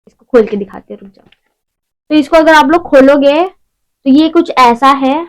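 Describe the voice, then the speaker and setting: Chatty high-voiced young woman vlogger. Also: animated, moderate pace, low-quality recording. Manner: chatty, rambling, self-mocking asides. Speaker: beauty vlogger. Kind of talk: casual shopping haul vlog.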